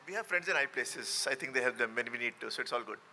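A man's voice: medium pitch, animated, quick pace, sharp tone, slight background noise. A middle-aged man answering emphatically on a press panel, speaking into a handheld microphone. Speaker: show creator on a press panel. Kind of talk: unscripted panel talk. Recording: reverberant hall stage sound.

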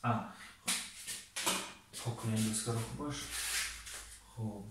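A man teaching an online English lesson. He reads English sentences slowly and deliberately, then translates and explains them. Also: lowish voice, fairly even intonation, heavy background noise. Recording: echoey room, voice far from mic.

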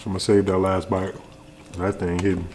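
A man's voice: low-pitched, level tone, normal speed, background noise. A young adult American man giving a laid-back, slangy food review, talking casually to the camera as he eats. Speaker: food reviewer, video host. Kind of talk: casual chat to camera while eating. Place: indoors, home kitchen.

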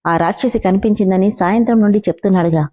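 A woman voicing a sharp-tongued, protective young woman who speaks indignantly, in a spoken storybook. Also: medium pitch, fast, natural voice. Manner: indignant, heated.

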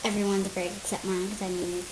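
A woman hosting a home cooking video chats through a casual demonstration at her kitchen table, hesitant and full of ums. Her mid-range voice has little pitch movement and a brisk pace, captured on a noisy home camera recording.

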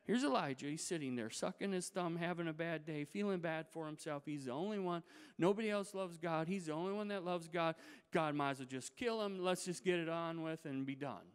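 A man's voice: on the high side, fairly quick, clean tone. Male pastor, resonant, emphatic storyteller, echoey church. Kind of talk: sermon. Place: church sanctuary. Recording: reverberant church sanctuary.

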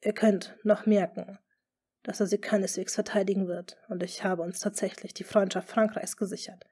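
A woman voicing a scheming noble duke in an audiobook, speaking smoothly and often in a hushed, half-whispered tone. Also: medium pitch, level tone, lightly acted. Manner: smooth, measured. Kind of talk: audiobook character reading.

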